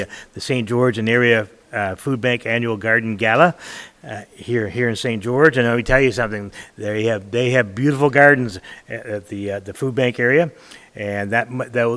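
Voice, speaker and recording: A man's voice: mid-range voice, a bit bright. A man chairing a town council meeting as mayor, in a chatty, joking, folksy way. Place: council chamber.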